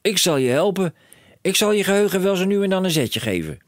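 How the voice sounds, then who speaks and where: Storybook dad voiced by a man: high, yelling, manic, lively swings, dry close sound. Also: moderate pace, dry recording. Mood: overexcited. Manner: shouting, breathless overexcited rants. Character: excitable bellowing middle-aged father, inventor-mad. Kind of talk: audiobook character voice.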